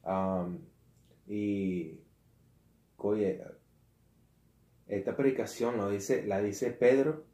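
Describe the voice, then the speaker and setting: Man, lay preacher, slow and mellow, stops and restarts a lot, roomy echo. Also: fairly low pitch, fairly even intonation. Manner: halting, self-correcting, slangy asides. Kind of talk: casual informal preaching.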